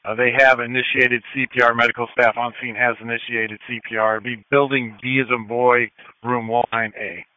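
A man's voice: medium pitch, little pitch movement, a little fast, no room sound, narrow, tinny audio. A man working as an emergency dispatcher over two-way radio, giving clipped, procedural acknowledgements. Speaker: police and fire radio dispatcher. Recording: dry two-way radio audio.

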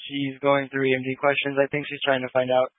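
A man on an emergency services radio, exchanging quick, practical chatter. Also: medium pitch, monotone, no echo. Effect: two-way radio. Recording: tinny narrowband radio audio.

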